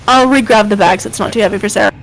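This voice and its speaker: Tabletop player, mid-pitched, practical plan-making voice. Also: racing, vocal fry, fairly bright tone, poor audio. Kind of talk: casual chat.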